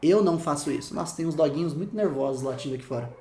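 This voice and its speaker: A man with a Brazilian Portuguese accent teaching English phrases in a casual lesson, lively and slowing down to repeat the examples. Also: fairly high pitch, reverberant, a little hiss or hum. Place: room with dogs barking outside.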